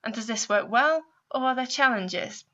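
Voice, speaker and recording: A woman with a fairly high, fairly bright voice reads a scripted guidance video as a university placement adviser, speaking at normal speed. She walks through each step and poses guiding questions to the listener. The recording's high frequencies are cut off.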